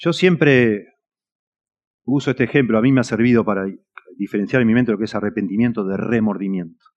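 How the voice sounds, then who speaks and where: A man with a Rioplatense Spanish accent preaching a sermon, earnest and emphatic, his voice swelling and dropping in loudness. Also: fairly low pitch, a little fast. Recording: dull lo-fi recording.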